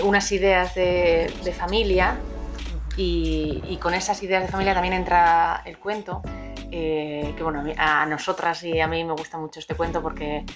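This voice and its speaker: A woman co-host of a parenting podcast reads a children's story aloud, giving the characters lively, expressive voices. Her voice is on the low side, and music plays faintly in the background.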